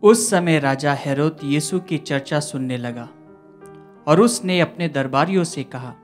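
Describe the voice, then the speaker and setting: Young priest proclaiming at Mass. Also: male voice, fairly high pitch, a little slow, soft background music. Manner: formal, steady proclaiming. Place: indoor studio chapel. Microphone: stand mic at a lectern.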